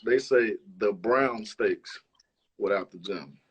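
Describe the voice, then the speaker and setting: In a relaxed interview, a guest from Chicago talks with plenty of slang and cursing, often repeating himself for emphasis. The voice is lowish, slightly rough, and unhurried.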